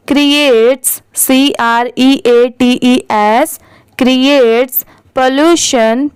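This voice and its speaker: Slow, clear woman teacher. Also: fairly high pitch, dry recording. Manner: spells each word letter by letter, then says it slowly. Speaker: English reading teacher. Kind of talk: slow spelling-and-reading lesson.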